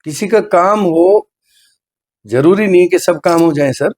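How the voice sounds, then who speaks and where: The voice belongs to a middle-aged man who serves as a hospital's medical superintendent; it is high, darkish, and a little slow. He answers the interviewer earnestly and deferentially, mixing in English phrases.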